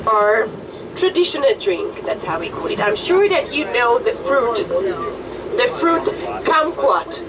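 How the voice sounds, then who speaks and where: A woman with a Hungarian accent, a tour guide giving chatty, joking commentary on a coach, her voice a little hoarse. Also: fairly high pitch, big pitch swings, slow. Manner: friendly, chatty, joking with the group. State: slightly hoarse. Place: tour bus. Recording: distant voice with vehicle noise.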